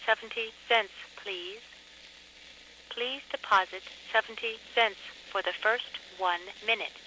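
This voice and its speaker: Bright woman's automated payphone prompt. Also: on the high side, slight background noise, rough recording. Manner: polite, even and measured. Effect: heard through a payphone line.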